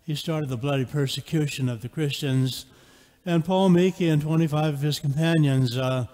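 An older man, a priest, giving an informal homily in a plain, halting storytelling way in a reverberant church. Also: on the high side, darkish tone. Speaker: priest celebrating Mass. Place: large church, standing in sanctuary.

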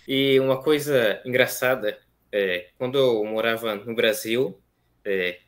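A young seminarian guest, a São Paulo native in his twenties, tells his story during a casual interview on a video call, sitting in a small plain room with a webcam mic. His mid-range voice carries a São Paulo Portuguese accent, and he speaks slowly, soft-spoken and hesitant with lots of fillers.

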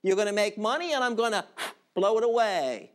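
A man voicing God as a stern figure who scolds the comfortable, dropping lower and firmer than his own voice. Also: animated, a little fast.

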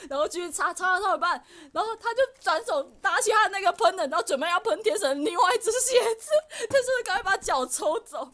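High-voiced Taiwanese woman telling a story. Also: quick pace, few pauses. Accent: Taiwanese Mandarin. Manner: animated, laughs through her own retelling. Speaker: live streamer. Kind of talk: casual storytelling chat.

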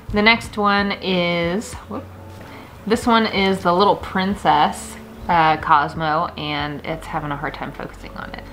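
In her home kitchen, a woman in her thirties who vlogs about gardening chats enthusiastically to camera while showing seed packets. Her voice sits low and sounds a bit bright.

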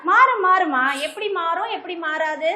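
A primary school teacher with a Tamil Nadu accent leads her young class, coaxing and quizzing them. Her voice sits very high and rings bright. It echoes around a classroom with faint noise behind it. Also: expressive, moderate pace. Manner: coaxing, asks the class constant questions. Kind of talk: classroom lesson with young children.

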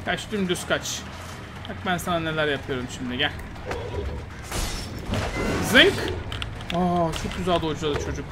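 Excitable Turkish man streaming a game. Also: fairly high pitch, moderate pace, pauses often, background noise. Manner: excitable, frustrated, taunting, swings loud and quiet. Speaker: gaming YouTuber. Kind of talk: live gameplay commentary.

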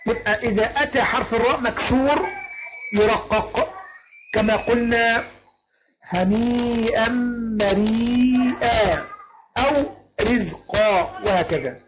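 A man with an Egyptian accent giving an online lecture on Quran recitation rules. He chants verse lines slowly and keeps asking his students whether everything is clear. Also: very high voice. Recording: noisy online lecture recording.

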